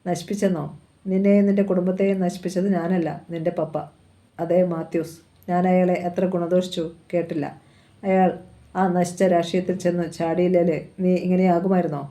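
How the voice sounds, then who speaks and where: Brief: woman reading an old rich man from a storybook, low flat delivery. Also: a little fast, close to an everyday voice. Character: old wealthy man, pleading then domineering.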